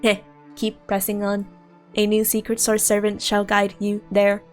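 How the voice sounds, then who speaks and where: A woman voicing an overheating, failing ancient robot servant in a game, solemn and halting, as if shutting down. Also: medium pitch, monotone, close to an everyday voice. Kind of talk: reading game dialogue aloud in character. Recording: game music under the voice.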